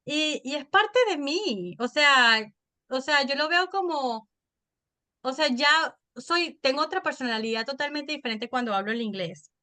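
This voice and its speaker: A woman in her thirties with a Venezuelan accent, a podcast guest telling stories in an animated, chatty way. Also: sits high. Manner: animated storytelling, quick and chatty. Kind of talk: casual interview chat.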